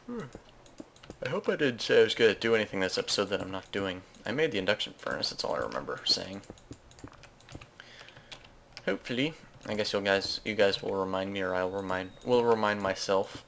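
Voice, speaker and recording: A Let's Play host with a lowish, creaky, fairly bright voice talks briskly in a sing-song way, with a little hiss or hum in the background. His commentary on the game is casual and rambling, full of chatty asides, and he often corrects himself mid-sentence.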